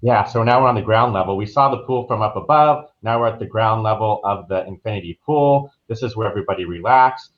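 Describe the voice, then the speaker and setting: On a slightly muffled, lo-fi recording, a man with a fairly low voice appears as a podcast guest who works in travel. His explanations come across informally, like an easy conversation.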